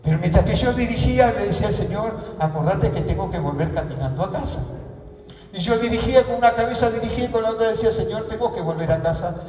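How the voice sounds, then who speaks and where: Argentine pastor preaching in an echoey hall. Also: male voice, sits high, expressive, quick pace. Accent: Argentine Spanish. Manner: storytelling, rising to shouted fervor. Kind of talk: sermon. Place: church hall. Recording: echoey hall, distant mic, music behind.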